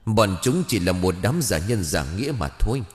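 A man's voice: lowish voice, sing-song, fairly quick, long reverb tail. Man voicing a vengeful young woman's ghost. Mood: grieving. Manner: harsh, spits words one by one. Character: vengeful young female ghost, bitter and grieving.

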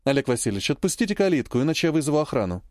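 A man's voice: mid-range voice, sing-song, very fast, a little mellow, dry recording, lightly acted. A man reading the lines of a cold, curt, proud woman in an audiobook, in a dry and clipped manner. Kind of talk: audiobook character voice.

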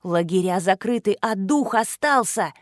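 A woman's voice: a little high, lively intonation, moderate pace, no echo, studio quality. A woman voicing a fierce scornful teenage girl. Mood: passionate. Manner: hissing, shouting, sharply indignant. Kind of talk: audiobook character voice.

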